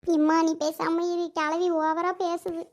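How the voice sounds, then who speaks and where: A woman voicing an older mother in a cartoon who mutters slow, low-voiced asides. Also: little pitch movement. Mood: muttering. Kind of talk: cartoon voice acting.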